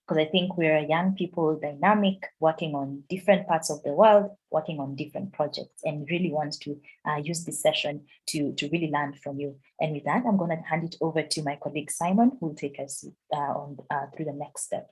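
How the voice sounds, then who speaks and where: A woman from South Sudan coordinating an online youth network meeting, encouraging and quick to laugh. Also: low-pitched, darkish tone, slightly rough, rough recording.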